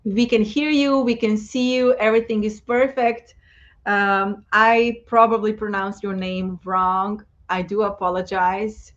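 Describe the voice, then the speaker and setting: A woman moderating an online conference, praising speakers warmly with many fillers, over a video call. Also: medium pitch, level tone, measured pace. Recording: dull lo-fi video call audio.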